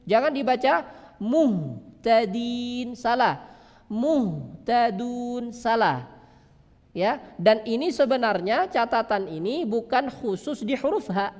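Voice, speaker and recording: A man teaching Quran recitation, who asks questions and answers them himself and draws out sounds slowly to demonstrate them. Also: very high-pitched, expressive, darkish tone. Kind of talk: religious lesson on pronunciation. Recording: long hall reverb.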